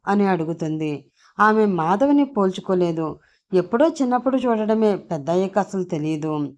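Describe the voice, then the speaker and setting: A woman narrating a story in a steady, soft storytelling manner. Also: on the low side.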